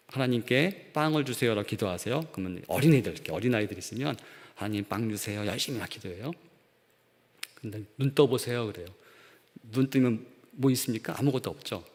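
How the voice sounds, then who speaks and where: A male pastor preaches in a church with long reverb, his voice rising and falling a lot. He talks in an easy, conversational way and tells stories. His pitch sits in the middle range. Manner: conversational storytelling, acts out quoted voices. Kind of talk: sermon. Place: church sanctuary.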